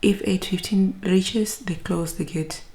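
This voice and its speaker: A young Kenyan woman with a Kenyan accent, talking to her viewers in a casual vlog, chatty and animated, often dropping into whispered asides. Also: medium pitch, a little slow. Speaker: vlogger. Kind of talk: casual vlog talk to camera.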